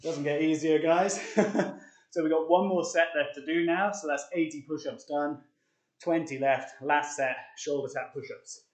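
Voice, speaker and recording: A man's voice: on the high side, steady tone, normal speed. A young man with an upbeat, chatty manner, coaching a live-streamed workout tutorial and out of breath between sets of push-ups. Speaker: fitness coach. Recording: echoey room.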